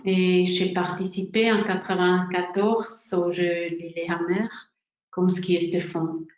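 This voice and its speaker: Woman, forties, guest presenter. Broken non-native French, halting, slow delivery, roomy webinar sound. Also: fairly low pitch, level tone. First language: not French, a second-language speaker. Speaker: guest speaker, massage therapist. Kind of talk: informal personal presentation. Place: indoor room, online webinar. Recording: roomy, dull webinar audio.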